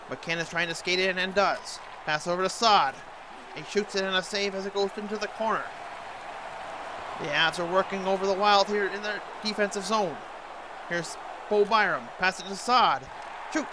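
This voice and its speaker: A man's voice: sits high, background noise. A man doing amateur hockey play-by-play commentary for a video game in short clipped phrases, in the style of a sports announcer.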